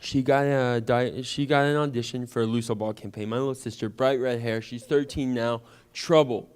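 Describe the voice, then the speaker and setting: A young man from Louisiana, a guest actor, telling personal stories in an animated way and acting out childhood conversations. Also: medium pitch, brisk, clear, resonant tone. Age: young adult. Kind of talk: personal storytelling.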